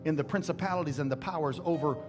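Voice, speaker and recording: A middle-aged man preaches from a church stage in a fairly high voice, swelling into emphatic calls and stretching out scripture lines. He speaks into a headset mic, and guitar music plays clearly behind him. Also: fast talker. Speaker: pastor. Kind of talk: sermon.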